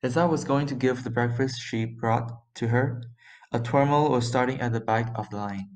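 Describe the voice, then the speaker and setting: A teenage boy, a student reader, reads aloud a historical story he wrote himself for young children. His voice is mid-range and darkish in tone, and he speaks at a normal speed, plainly, stumbling now and then.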